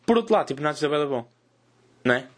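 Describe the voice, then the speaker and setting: A young man with a European Portuguese accent tells a crude, animated comic story. His voice sits noticeably high. He talks at a rapid, rushing pace. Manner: animated, crude joking, loud cries in retold scenes. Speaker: host.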